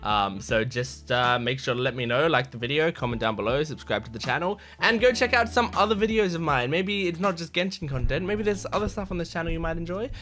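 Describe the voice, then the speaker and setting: A man in his twenties, a YouTube reaction host, chats enthusiastically at a desk boom mic in a small bedroom, game trailer music playing behind him. His fairly high, fairly bright voice is expressive and fairly quick with few pauses, and he gushes and swears in casual, excited reaction chat.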